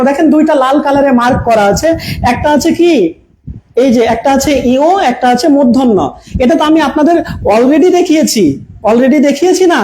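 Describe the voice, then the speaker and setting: A man with a very high-pitched yet dark voice teaches an online grammar class in front of a projector, captured roughly on a camera mic with slight background noise. He repeats key points, keeps quizzing his viewers, and mixes English words into his speech.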